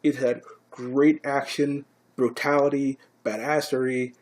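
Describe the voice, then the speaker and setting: A man casually recapping and reviewing an anime episode, swearing freely and growing excited. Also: mid-range voice, a little slow. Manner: casual, profane, grows excited.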